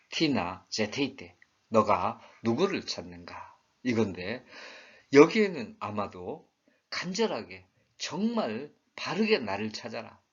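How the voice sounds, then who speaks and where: A man's voice: medium pitch, husky. A man giving a conversational Bible study lecture, asking rhetorical questions and acting out quoted lines in regional dialects. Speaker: Bible teacher. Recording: dull lo-fi recording.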